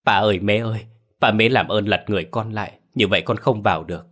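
Man narrator doing a sly, cruel female ghost, deep-voiced, mocking. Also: fast talker, fairly bright tone. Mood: pleading. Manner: pleading then menacing and mocking. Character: cunning vicious female ghost, head detaches.

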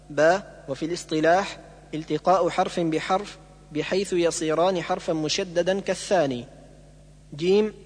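A man reads through the rules of recitation, listing each point in a steady, measured way. His voice is pitched quite high. The recording carries a long reverb tail. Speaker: Quran recitation teacher. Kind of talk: read-aloud lesson on recitation rules.

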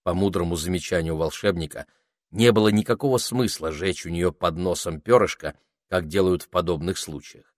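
Low-voiced male audiobook narrator, lively, dry close sound. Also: normal speed, dry recording. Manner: lively storytelling. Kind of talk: scripted narration.

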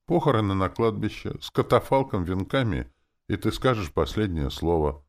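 A man's voice: lowish voice, moderate pace, pitched above the performer's own voice. A man voicing a fawning, cheeky male zombie, a former official, in a wheezy, nasal voice in an audiobook. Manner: flattering, cheeky, theatrical. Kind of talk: audiobook character voice.

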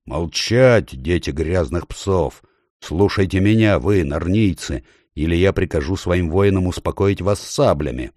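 A man acts out a stern warlord who speaks slowly and heavily, with a low, threatening voice. The sound is close and dry. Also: darkish tone, dry recording. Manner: slow, commanding, threatening.

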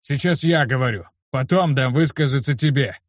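A man's voice: mid-range voice, normal speed, dry recording, voice pushed up, close to an everyday voice. Brief: male reader as a blunt, barking tough guy, raised voice, lo-fi and dry. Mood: irritated. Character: gruff adult man, irritable slum teacher. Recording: dull lo-fi dry recording.

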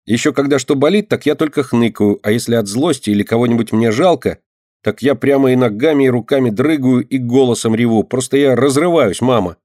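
A man's voice: medium pitch, fairly quick, warm tone, no echo, clean studio sound, natural voice. Dinka, a man doing a stubborn little girl. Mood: eager. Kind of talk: audiobook character voice.

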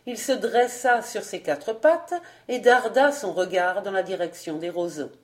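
Slow, measured woman narrator. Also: medium pitch. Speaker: audiobook narrator. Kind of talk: scripted narration of a classic novel.

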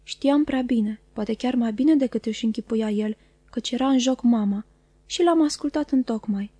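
A woman reading a classic novel aloud as audiobook narrator, calm and measured. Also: fairly high pitch, breathy edge, no echo. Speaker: audiobook reader. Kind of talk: scripted narration.

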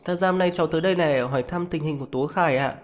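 A man's voice: high-pitched, fairly even intonation, fast, pitched above the performer's own voice, close to an everyday voice. A man voicing a timid, anxious young woman who pleads and apologizes. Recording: muffled reverberant audio, faint music.

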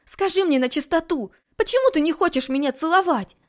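A woman's voice: high voice, expressive, slow pace, a little mellow, pitched above the performer's own voice. A woman voicing a blunt, passionate young heroine in an audiobook, speaking emphatically. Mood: indignant. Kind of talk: audiobook dialogue reading.

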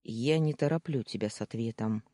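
An audiobook reader voicing a pleading, insistent young man who talks slowly and with feeling. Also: mid-range voice, warm tone, no echo, clean studio sound, close to an everyday voice. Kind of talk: audiobook character reading.

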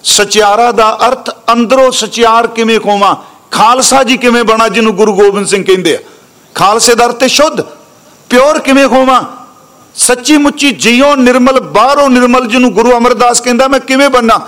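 A man delivers a scriptural exposition sermon in a fairly high voice. He draws out quoted verses slowly and deliberately, then shifts into brisk, conversational explanation. He addresses his listeners respectfully as he corrects how they pronounce the words. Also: a bit bright. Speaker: Sikh preacher.

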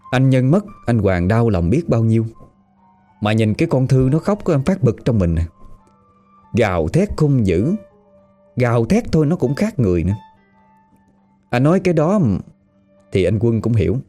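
A man with a Southern Vietnamese accent telling a story in a lively, conversational way. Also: mid-range voice. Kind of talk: spoken storytelling.

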